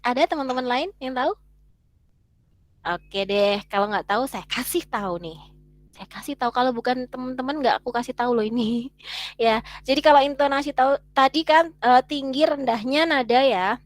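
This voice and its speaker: A woman giving an online lecture, lively and chatty, often putting questions to her listeners. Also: high-pitched, moderate pace, dry recording. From Indonesia. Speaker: webinar teacher.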